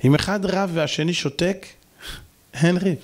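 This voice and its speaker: A man, a rabbi, preaching a sermon in an emphatic style full of rhetorical questions. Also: high voice. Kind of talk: sermon to a congregation.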